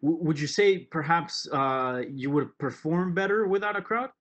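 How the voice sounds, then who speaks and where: A man's voice: on the high side, normal speed, a bit bright. A man asking casual interview questions as a sports reporter, feeling his way through his phrasing.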